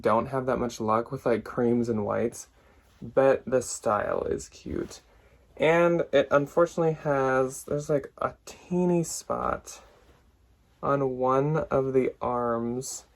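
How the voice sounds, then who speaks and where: A man's voice: mid-range voice, creaky. Chatty young man showing a thrift haul. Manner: chatty, lots of "like", loses track and laughs at himself. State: a bit out of breath. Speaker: thrift reseller vlogger. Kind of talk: casual haul talk to camera.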